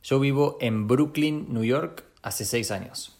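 A young man, a guest musician speaking in a thoughtful, measured first-person monologue with small restarts. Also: mid-range voice, darkish tone. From Argentina. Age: young adult.

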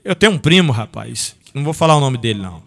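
A man's voice: medium pitch, sing-song, fast, creaky. A man hosting a local radio sports show, chatting folksily with listeners and reading sponsor ads. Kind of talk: casual radio talk with live ad reads.

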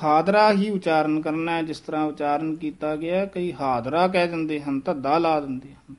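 A man teaching the correct pronunciation of recited verse, repeating each phrase slowly and carefully. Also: a little high, steady tone. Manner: slow, careful, repeats each line syllable by syllable.

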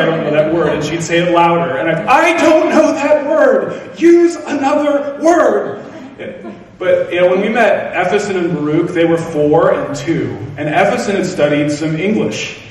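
A man preaching a sermon, telling stories with self-deprecating humor. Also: a little high. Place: church hall. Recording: echoey hall from far off.

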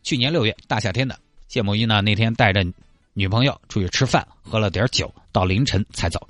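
A man's voice: on the low side, fairly quick, a bit bright, no room sound. A male radio host telling a comic story in a chatty way, speaking straight to the listener. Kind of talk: comic scripted storytelling with acted dialogue.

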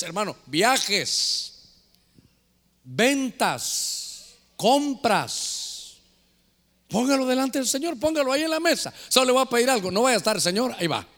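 A man preaching a sermon as pastor, with drawn-out, playful delivery. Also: very high voice, sharp tone. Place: church.

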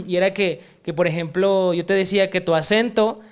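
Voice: mid-range voice, steady tone, moderate pace. A Mexican podcast host in casual conversation. The voice is midrange and easygoing, full of slang, looping back over its own words as it goes. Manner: laid-back, rambling, slangy, many restarts.

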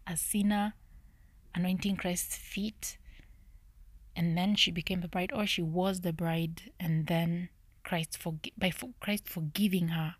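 A woman talks through a Bible study as if thinking aloud, her voice pitched low and drifting into a near-whisper. She searches for words and corrects herself as she goes. The sound is dry and close, with no room around it. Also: steady tone, a little slow, no echo. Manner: low, half-whispered speaking; searching, self-correcting musing. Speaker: podcast host.

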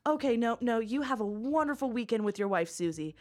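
A woman's voice: a little high, lively intonation, fairly quick, natural voice. A woman playing a polite, upbeat office professional on a work call, with deferential business phone-speak. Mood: cheery, polite.

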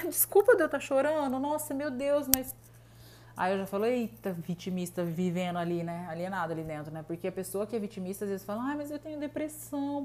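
Woman commentator, casual and lively, with frequent tag questions and quick imitations. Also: medium pitch. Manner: lively, tags sentences with né and tá, mimics people.

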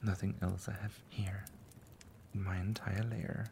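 Man playing a loving dragon partner, low gravelly voice, slow and whispered, faint typing behind. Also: flat delivery, background noise. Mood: tender. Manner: soft and whispery, tender. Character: affectionate doting male dragon lover. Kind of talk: ASMR roleplay.

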